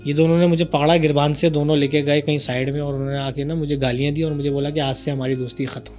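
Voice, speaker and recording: Animated man telling stories. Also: fairly high pitch, fast talker, faint music behind. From Karachi, Pakistan. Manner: animated, lively storyteller. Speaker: podcast host. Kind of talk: casual storytelling chat.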